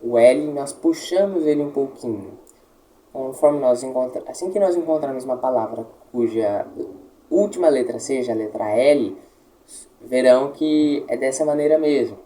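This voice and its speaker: A man's voice: mid-range voice, moderate pace, mellow, rough recording. A man teaching Latin pronunciation, patiently modelling words and checking with his listeners. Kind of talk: pronunciation lesson.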